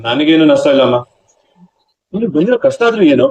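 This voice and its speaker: A blunt, teasing young husband. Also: male voice, fairly high pitch, big pitch swings, fairly quick, a little mellow. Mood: prying. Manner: blunt, teasing, mock-serious. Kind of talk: TV serial acting. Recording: dull lo-fi TV audio.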